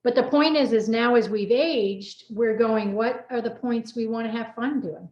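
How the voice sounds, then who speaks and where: Her voice sits on the high side at a moderate pace as she hosts a casual personal chat. This middle-aged American woman, who co-authored a book, rambles through stories sprinkled with quoted asides, recorded in an echoey room with slightly dull audio.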